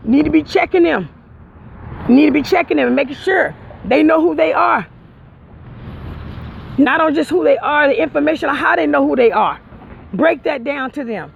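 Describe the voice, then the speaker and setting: A man's voice: extremely high pitch, expressive, moderate pace, gravelly, long pauses, narrow, tinny audio, slight background noise. A man talking emphatically and repetitively to his viewers outdoors, speaking from the heart. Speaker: vlogger. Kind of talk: casual heartfelt monologue to viewers.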